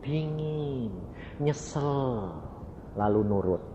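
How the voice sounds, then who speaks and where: Preaching a storytelling sermon, a middle-aged man speaks in an expressive, medium-pitched voice and draws out his words. He acts out dialogue and addresses the congregation directly as brothers. It was recorded in a dull, echoing hall with a noisy background.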